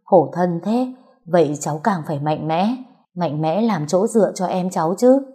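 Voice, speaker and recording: A woman reading a kind middle-aged woman speaking gently and soothingly. The voice is low and warm, with a mellow tone. It is read for an audio storybook. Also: lively intonation, normal speed, breathy edge. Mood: consoling.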